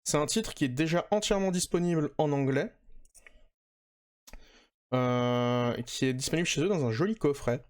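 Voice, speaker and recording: A man's voice: a little high, moderate pace, pauses often. A man hosting a casual manga podcast, chatting with lots of hesitations and fillers. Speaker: podcast host.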